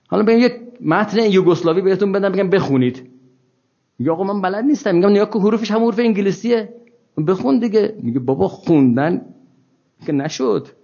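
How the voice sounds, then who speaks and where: A man's voice: fairly high pitch, a little mellow. A man giving an informal scripture lecture to an audience, wry and ironic, asking many rhetorical questions. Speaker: religious lecturer. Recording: dull lo-fi recording.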